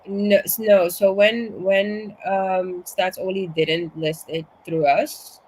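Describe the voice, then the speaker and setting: A woman from Suriname, slightly out of breath from illness, goes on at length in a casual interview, restarting many times. Her darkish mid-range voice moves little in pitch and comes slowly, captured on a rough recording with slight background noise.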